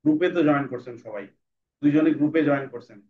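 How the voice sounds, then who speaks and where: A man teaching an online class, patiently repeating letter drills slowly and then quickly over a video call. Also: on the high side. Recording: distant muffled video-call audio with faint noise.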